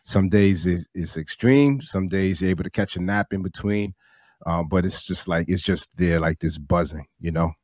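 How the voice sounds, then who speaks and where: A man hosting a podcast interview, measured and sprinkling his talk with "um"s. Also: low-pitched, darkish tone, no room sound, studio quality. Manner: measured, many "um"s and backchannels. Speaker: podcast host.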